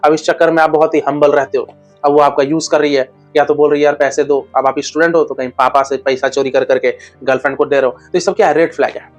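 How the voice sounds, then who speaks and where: A man's voice: fairly high pitch, fairly even intonation, fast, dull audio, faint music behind. A man giving relationship advice in a casual monologue, blunt and slangy with crude humor.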